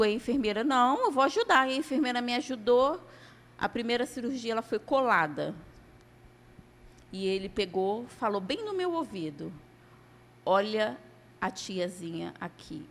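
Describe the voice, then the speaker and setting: A woman giving a church testimony as a sermon, telling her story dramatically and acting out the dialogue. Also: a little high.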